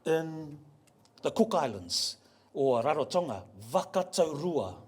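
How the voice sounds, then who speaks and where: This man's voice sits on the high side, very animated, with a darkish tone and breathy edge. Talking about ocean voyaging heritage at a museum venue, he jokes with the audience, slowly spelling out pronunciations for them to echo.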